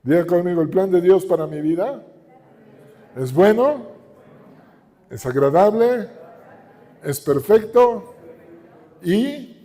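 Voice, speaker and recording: Slow, mellow-voiced Mexican preacher. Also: male voice, high-pitched, animated. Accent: Mexican Spanish. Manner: emphatic preaching with repeated phrases and rhetorical questions. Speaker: pastor. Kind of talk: sermon. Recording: reverberant hall.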